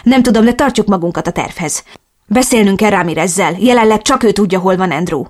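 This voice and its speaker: A woman voicing a brisk, reassuring adult man in an audiobook, blunt and ready to curse. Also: medium pitch, a little mellow, lightly acted. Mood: tense. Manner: blunt, swears when angry. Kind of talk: audiobook dialogue reading.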